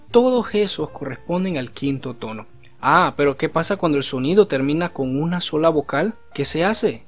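A man teaching a video language lesson, explaining patiently and slowly repeating example syllables. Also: a little high. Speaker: Cantonese teacher. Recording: slightly dull recording with faint music.

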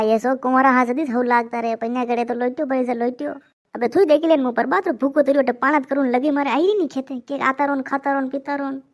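Rajasthani woman for a comic cartoon, high, fast bantering delivery. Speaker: cartoon comedy voice actor. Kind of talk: comic dialect cartoon voicing.

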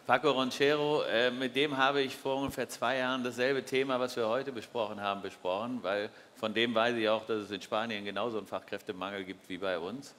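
A man moderating a panel discussion, recounting a conversation in a measured way and posing questions. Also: medium pitch, fairly even intonation, a bit bright, slight background noise. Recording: long reverb hall with faint ambience.

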